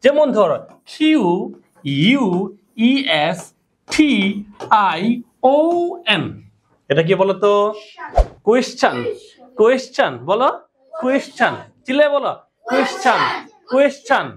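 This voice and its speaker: Lively woman teacher drilling a class. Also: a little high, measured pace, pauses often, slight background noise. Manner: drills students with repeated questions and call-and-response. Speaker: English pronunciation teacher. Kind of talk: classroom lesson.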